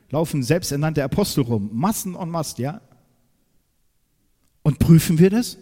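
A man preaching a sermon, emphatic and direct, asking his listeners questions and swinging from loud outbursts to quiet, low asides. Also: husky, big-room sound.

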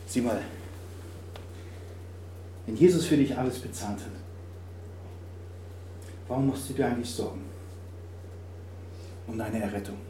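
Guy preaching a sermon, goes soft then loud, acts out little scenes, roomy hall, kinda far from the mic. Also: medium pitch, unhurried, long pauses. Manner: dramatic swings from quiet to loud, acting out dialogues. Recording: roomy, from a distance, faint noise.

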